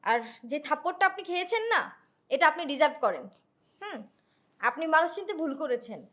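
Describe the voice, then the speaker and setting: An actress playing a loyal housemaid in a melodramatic short film, firm and reproachful. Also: female voice, high-pitched, animated, brisk, fairly bright tone. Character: loyal, reproachful housemaid defending her madam.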